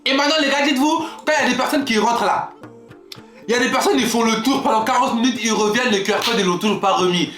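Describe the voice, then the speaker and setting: A young man talking casually to camera, animated and acting out his exchanges with customers. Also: very high-pitched, quick pace. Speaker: vlogger. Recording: roomy echo, faint music.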